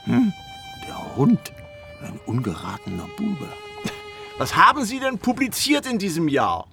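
A man's voice: high-pitched, wildly swooping pitch, measured pace, creaky, sharp tone, faint music behind, exaggerated voice. An actor playing a sly, mocking older councillor who hides who he is and makes dry, teasing asides. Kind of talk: radio play acting.

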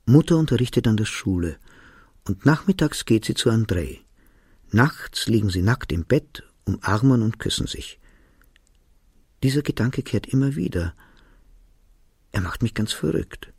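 A man reading a novel aloud as narrator, telling the story in a calm, measured way. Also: on the low side, slightly rough, no room sound. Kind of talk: audiobook reading.

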